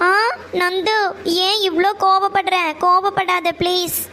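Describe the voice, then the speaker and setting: A woman's voice: extremely high pitch, flat delivery, a little slow, sharp tone, slight background noise, exaggerated voice. A woman voicing a chatty teenage village girl in a cartoon who coaxes and insists, with a Coimbatore Kongu Tamil accent. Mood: pleading. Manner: coaxing, insistent.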